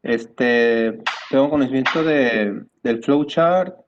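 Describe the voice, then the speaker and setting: A male student answers his professor in an online class, pausing often and searching for words. His voice sits mid-range, and the video call audio is dull and lo-fi. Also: medium pitch, background noise. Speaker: graduate student.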